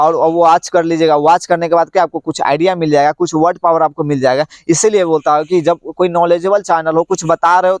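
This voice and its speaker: A man teaching English pronunciation, saying tongue twisters slowly and repeating them, with chatty coaching in between. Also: high-pitched, no room sound, studio quality. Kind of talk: pronunciation lesson.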